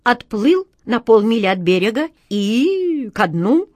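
A woman's voice: a little high, big pitch swings, slow, darkish tone, dry recording, studio quality, pitched above the performer's own voice, exaggerated voice. A woman voicing a kind, superstitious male sea captain in a storybook, earnest and pleading.

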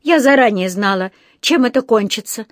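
A woman's voice: fairly high pitch, lively intonation, moderate pace, no echo, studio quality, natural voice. A woman doing a flustered anxious mother. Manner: anxious, pleading. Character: flustered middle-aged mother. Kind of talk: storybook reading.

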